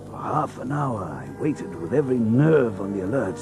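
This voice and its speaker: An actor playing an earnest, polite gentleman doctor who narrates and speaks in a radio drama, measured and courteous. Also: on the low side, big pitch swings, over music. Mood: brooding, suspenseful.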